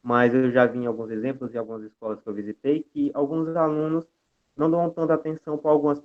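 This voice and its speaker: A man's voice: medium pitch, flat delivery, quick pace. Hesitant Brazilian man on a tinny call. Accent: Brazilian Portuguese. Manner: hesitant, many filler sounds and restarts. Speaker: guest speaker. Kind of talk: online lecture presentation. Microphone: video call. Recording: tinny video call audio.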